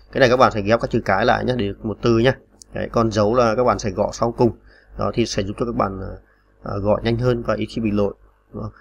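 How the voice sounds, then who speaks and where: A man's voice: fairly low pitch, vocal fry. A man teaching typing on a computer in a patient, step-by-step way, with many small fillers. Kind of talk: screen-recorded typing tutorial.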